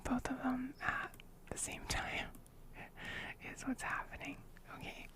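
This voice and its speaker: A woman's voice: sits high, completely flat delivery, slow. A woman livestreamer doing close ASMR whispering right in the listener's ear, coy and teasing, talking to her chat. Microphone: close microphone.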